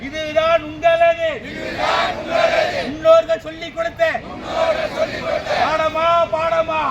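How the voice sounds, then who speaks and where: A man leading a protest through a megaphone, shouting each slogan twice in a slow, chanting cadence. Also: extremely high pitch, monotone. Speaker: protest leader for transport workers. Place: outdoor street protest. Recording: muffled, echoey megaphone voice from far off, loud crowd and traffic.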